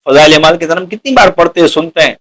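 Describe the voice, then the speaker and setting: A man's voice: on the high side, a bit bright, poor audio. A man preaching a sermon to an audience, asking them rhetorical questions and calling them dear companions. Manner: addresses listeners as dear companions.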